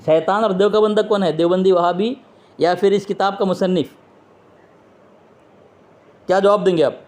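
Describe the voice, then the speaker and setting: On a phone call, a man debates religion in an interview, insistently pushing his questions and citing books and scripture. His voice sits high and has a darkish tone, with a steady delivery at a moderate pace.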